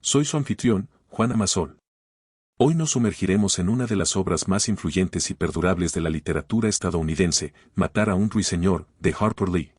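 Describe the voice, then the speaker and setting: A man hosting a podcast, reading scripted literary commentary in a measured, formal way and posing rhetorical questions. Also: low voice, darkish tone, husky, dry recording, studio quality. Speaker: podcast host.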